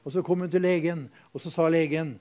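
Fervent high-voiced preacher. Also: male voice, steady tone. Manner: fervent, exclaims hallelujah, swings from loud to hushed. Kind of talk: revival sermon.

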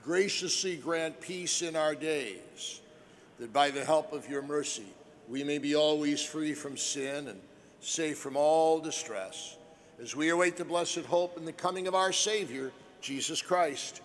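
Male priest saying mass prayers, solemn and deliberate, kinda high voice, big cathedral echo. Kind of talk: liturgical prayer, measured recitation. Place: large echoing church. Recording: cathedral-like echo, long reverb, faint noise.

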